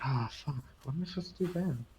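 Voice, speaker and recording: A man's voice: a little high, quick pace, a little mellow, slight background noise. A man playing a tabletop role-playing game, chatting casually in a blunt, sweary way.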